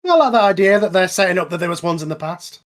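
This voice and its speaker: A man who hosts and writes an audio drama gives an informal film commentary, explaining things casually in a hesitant, chatty way. His voice is high, animated and fairly bright, and he talks at a quick pace.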